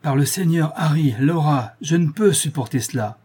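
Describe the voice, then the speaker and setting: A man reading the part of a hot-tempered young man, curt and forceful as he confronts his family. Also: fairly high pitch, expressive, normal speed, husky. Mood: angry, forceful.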